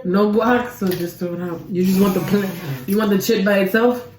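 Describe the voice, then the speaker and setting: A woman's voice: mid-range voice, steady tone, normal speed, a little mellow, a little hiss or hum. A woman chatting casually and playfully with her daughter while eating on camera, teasing her in a slangy way. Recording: roomy echo.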